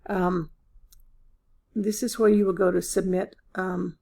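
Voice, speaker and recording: A woman's voice: on the low side, flat delivery, takes it slowly, mellow. A woman instructor losing her voice, giving a casual, filler-heavy walkthrough of her course site. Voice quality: gravelly, husky.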